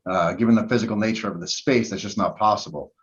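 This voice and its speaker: Low-voiced man, hesitant, muffled line. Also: fast. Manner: hesitant, many ums and restarts. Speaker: respondent's representative. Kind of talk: answering questions at a hearing. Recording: muffled lo-fi audio.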